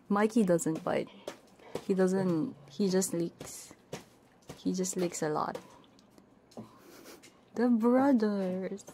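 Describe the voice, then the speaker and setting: On a live stream with faint background noise, a woman ASMR VTuber speaks into a binaural 3Dio microphone in a mellow, medium-pitched voice. She chats in a giggly, playful way and often drops to a whisper, cooing doting words to her pet dogs.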